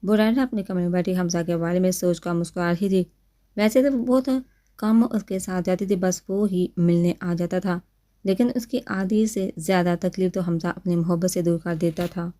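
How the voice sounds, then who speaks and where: A woman narrating a romantic novel with steady, dramatic storytelling, voicing every character. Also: fairly low pitch.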